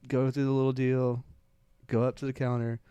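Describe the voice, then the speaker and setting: A man's voice: mid-range voice, completely flat delivery, normal speed, a crowd in the background. A man, co-hosting a casual podcast and telling a rambling story full of repeats and asides. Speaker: podcast co-host. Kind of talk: casual chat.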